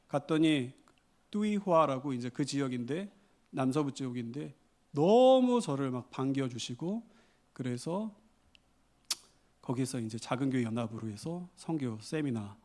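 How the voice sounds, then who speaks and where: A man's voice: mid-range voice, a little mellow. A man missionary preaching a Sunday sermon in a church, telling stories and building to emphatic exhortations. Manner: storytelling, with rising emphatic exhortations. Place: church sanctuary.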